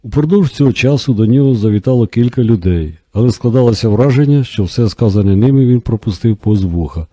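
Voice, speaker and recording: A man narrating an audiobook in a steady, measured reading. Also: medium pitch, no room sound. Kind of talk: scripted narration.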